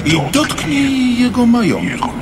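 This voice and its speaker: Swooping, sly Satan. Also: male voice, very high voice, wildly swooping pitch, takes it slowly, loud music behind the voice, exaggerated voice. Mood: sly, taunting. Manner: taunting, insinuating. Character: Satan, sly challenging tempter of God. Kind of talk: biblical radio drama acting. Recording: loud ambient noise.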